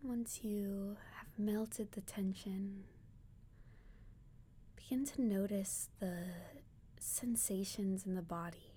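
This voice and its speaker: This is a guided meditation led by a woman whose mid-range voice, fairly even in intonation, drops to a soft, breathy near-whisper. Soothing and gentle like a sleep story narrator, she leaves long pauses, and faint background noise can be heard.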